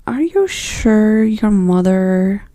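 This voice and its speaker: A woman's voice: mid-range voice, expressive, dark tone, no room sound. A woman voicing a cruel, mocking devil in Hell in a whispered role-play, with a demonic, taunting whisper. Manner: demonic whisper, slow, taunting, foul-mouthed.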